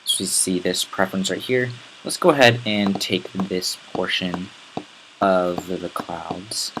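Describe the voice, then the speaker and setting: A man with a raspy voice giving a casual, rambling step-by-step software tutorial. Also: low voice, fairly even intonation, takes it slowly, noisy background. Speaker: tutorial host. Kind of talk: screen-recorded software tutorial.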